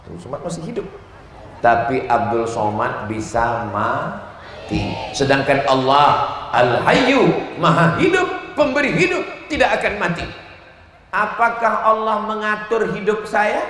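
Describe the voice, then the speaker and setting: Man preaching over a booming hall echo. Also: a bit bright. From Indonesia. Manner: call-and-response questions, chanted Arabic phrases, joking asides. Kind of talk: lively sermon to a crowd. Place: large outdoor religious gathering. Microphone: loud sound system. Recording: very echoey, reverberant, slight noise.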